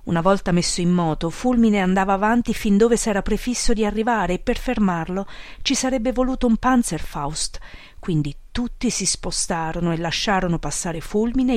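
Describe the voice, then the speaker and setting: A woman narrating an audiobook in a measured, wry storytelling manner. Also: medium pitch, darkish tone, no room sound. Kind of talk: audiobook reading.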